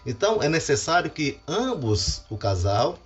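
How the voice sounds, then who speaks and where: A man's voice: a little high, normal speed. A middle-aged Brazilian pastor, a man, giving a devotional talk on family and acting out quoted lines. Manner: animated, acts out quoted lines. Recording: dull lo-fi with faint music.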